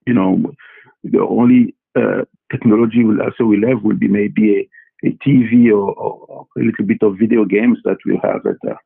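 A man who grew up in Congo answers students' questions in a halting way, full of fillers and repeated words. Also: fairly low pitch, steady tone, creaky, slightly rough. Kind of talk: casual interview answers. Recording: tinny phone-like line.

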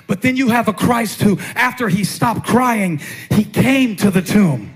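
A man preaching a sermon as a pastor, in a rhythmic style that stacks repeated phrases and climbs to shouts. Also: sits high, animated, measured pace, breathy edge.

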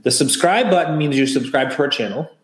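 Brisk and a bit high-pitched, a male podcast co-host chats casually and enthusiastically plugs the channel in an upbeat, promotional way. The recording has a roomy echo.

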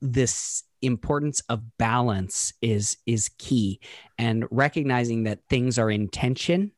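A man in a relaxed podcast conversation, thinking out loud about ideas and often pausing to restart his sentences. His voice sits at an ordinary middle pitch. The recording is close and dry, with no room sound. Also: no echo. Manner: thoughtful, halting, many restarts and fillers. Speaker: podcast co-host. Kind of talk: casual conversational discussion.

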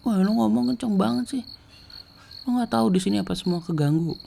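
A man putting on a furious shrill schoolgirl. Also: fairly quick, creaky, a little hiss or hum. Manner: shrill scolding shouts. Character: furious young woman, normally gentle, shouting.

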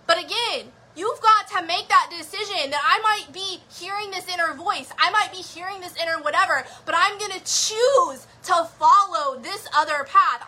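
Energetic woman host, very high and bright-toned, emphatic motivational coach on a live stream. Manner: energetic, emphatic, quick asides with laughs. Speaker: show host, business mindset coach. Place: indoor room, streaming live.

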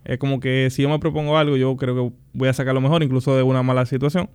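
A young man, a podcast guest, telling his story in a relaxed, animated and joking way. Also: mid-range voice, fast, clean tone. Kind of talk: casual interview conversation.

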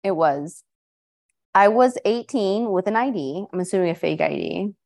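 A woman's voice: medium pitch, animated, normal speed, vocal fry, darkish tone. Chatty woman podcast host reading stories. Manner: chatty, reads listener stories aloud with asides. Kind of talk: casual podcast chat.

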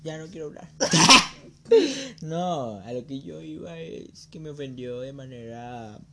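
A young Mexican man spinning a story in loose, slang-heavy chat. His pitch sits in an ordinary middle range. He jumps into voices for the people in his story. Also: measured pace, vocal fry, over a noisy crowd. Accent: Mexican Spanish. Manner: slangy, animated, acts out quoted lines.

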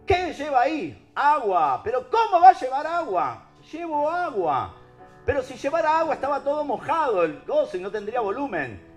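A man's voice: big pitch swings, normal speed, soft background music. A man voicing a suspicious, nagging male border guard in a joke, speaking in a raised voice. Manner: high, insistent questioning in a joke.

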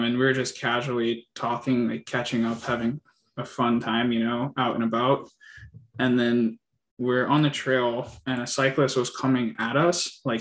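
Hesitant man full of fillers. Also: medium pitch. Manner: hesitant, many fillers and restarts. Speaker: interviewee. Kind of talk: casual personal account.

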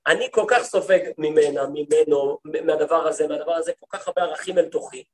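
A man with a fairly high voice teaches a class as a rabbi. He tells his stories in a lively way, playing out the lines of the people in them, and he keeps turning to his listeners with questions. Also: a little hiss or hum. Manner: lively storytelling, acts out quoted speech. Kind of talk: lecture to a women's study group.

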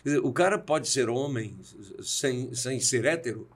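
A man's voice: mid-range voice, moderate pace. A man in his sixties from Brazil speaks as a podcast guest with a mid-range voice. He tells personal stories in a reflective way and acts out the voices in the conversations he recalls. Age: 60s. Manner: reflective, acts out quoted dialogue. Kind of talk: storytelling in a conversation.

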